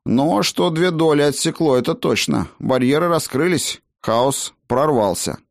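A man voicing a gruff, bustling male dwarf tinkerer who talks in brisk, bossy bursts. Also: on the high side, no echo, clean studio sound, pitched above the performer's own voice.

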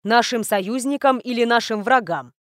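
Woman voicing a cold stern bodyguard man, flat clipped delivery, dry close sound. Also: a little high, normal speed, no echo, close to an everyday voice.

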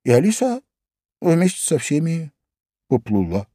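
Male narrator, storybook reading, expressive, slightly high-pitched, animated. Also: a little slow, husky, no echo, studio quality.

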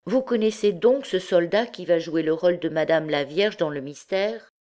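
A woman's voice: on the low side, mellow, voice pushed up, lightly acted. A woman reading an audiobook, voicing a primly dressed young townswoman who corrects her friend and speaks impetuously. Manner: bossy, quick.

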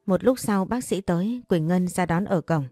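A woman narrating a dramatic audio story in an even, scripted storytelling manner. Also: fairly low pitch, moderate pace, dry recording. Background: faint music.

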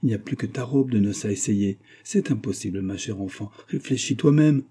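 A man's voice: on the low side, fairly quick, dark tone, husky. A man reading a classic novel aloud, voicing a proud and stern middle-aged aristocratic mother who scolds her daughter. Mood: haughty. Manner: haughty, scolding.

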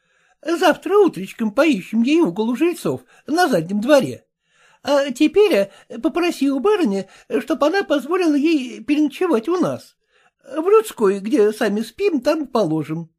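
A woman voicing a kindly, practical household cook who instructs gently and coaxingly. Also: sits high, very animated, normal speed, voice pushed up.

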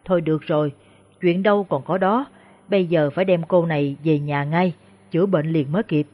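A woman voicing a shrewd, calm older male exorcist master who asks probing, feigned questions. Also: low-pitched, fairly quick. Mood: shrewd questioning. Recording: dull lo-fi recording.

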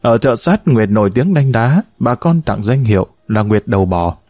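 A man narrating a story in a steady, even reading voice. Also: medium pitch, moderate pace, dry recording, clean studio sound. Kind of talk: scripted narration.

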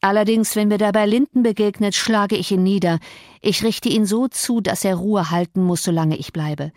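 A woman voicing a brooding, domineering and violent grown man in an audiobook, forceful and threatening. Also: mid-range voice, normal speed, no room sound, clean studio sound, natural voice. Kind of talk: audiobook reading.

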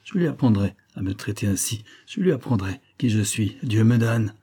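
A man's voice: mid-range voice, very animated, brisk, dark tone, voice pushed up. A man voicing a drunk, boastful young baronet with a thick, slurred voice. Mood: scornful. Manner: slurred, swaggering.

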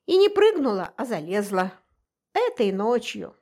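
A woman voicing a playful, mocking young male witch hunter in an audiobook, with a slow drawl. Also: on the high side, very animated, a little mellow, exaggerated voice.

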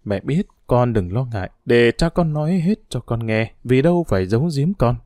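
A man voicing a caring middle-aged mother who reassures her daughter, gentle but firm. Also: medium pitch, lively intonation, normal speed, no echo, studio quality, lightly acted.

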